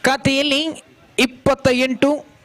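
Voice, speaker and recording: A man's voice: very high-pitched, little pitch movement, slow, a bit bright. A man giving live cricket commentary at a ground, with a flowing, formal delivery that rises on big shots.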